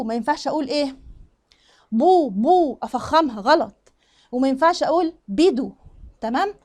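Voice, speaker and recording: A woman with an Egyptian Arabic accent teaching Quran recitation, demonstrating right and wrong pronunciations and reciting the examples slowly. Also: sits high, a little mellow. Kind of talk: tajweed lesson with slow recited examples.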